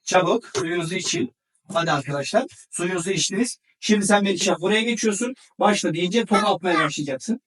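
A man's voice: high-pitched, fairly quick, fairly bright tone, recorded from a distance. A man hosting a family game, counting down and urging the children to hurry.

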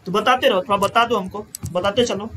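Male online tutor, high-pitched, joking asides to viewers, stretches vowels when chanting. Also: a little fast, fairly bright tone, a little hiss or hum. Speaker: teacher. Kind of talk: live online Sanskrit grammar class.

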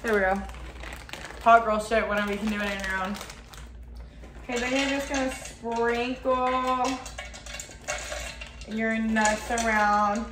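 Chatty young woman, slow, echoey kitchen. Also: a little high. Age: young adult. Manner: chatty, excitable, says "like" and "oh my God" a lot. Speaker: cooking vlogger. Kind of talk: casual cooking tutorial. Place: small apartment kitchen. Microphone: camera mic from across the room. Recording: echoey room, faint noise.

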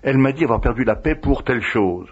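This man speaks fast at a medium pitch, with a husky quality. He's a priest in an interview, telling stories from his past and animatedly performing the quoted dialogue. It comes through as a dull, lo-fi radio recording.

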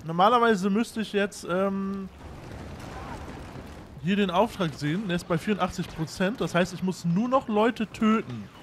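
A man giving casual gameplay commentary, excitable and self-mocking, shouting at his own fails. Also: sits high, measured pace, slight background noise. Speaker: gaming YouTuber. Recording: game sounds behind.

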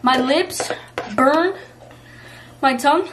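A young woman with a high voice talks casually while her mouth burns from spicy food. She sounds pained and close to tears, gasping out complaints. The room recording has clear noise behind her. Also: slow. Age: young adult. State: in pain from hot food, near tears. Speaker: vlogger doing a food challenge. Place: bedroom, seated on the floor.

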